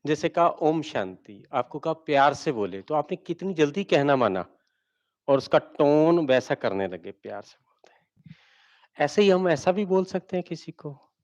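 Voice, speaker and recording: A man with an Indian accent giving a spiritual talk to a live audience, slow and coaxing, asking listeners to repeat phrases. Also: fairly high pitch, sing-song, darkish tone, dull audio. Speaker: spiritual speaker.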